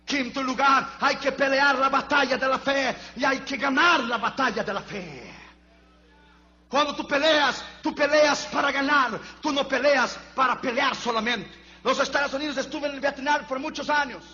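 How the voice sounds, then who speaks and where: A high-voiced male pastor delivers a fervent sermon at a moderate pace, repeating himself and swinging between shouting and near-whispers. The recording is dull and lo-fi, with a faint hum.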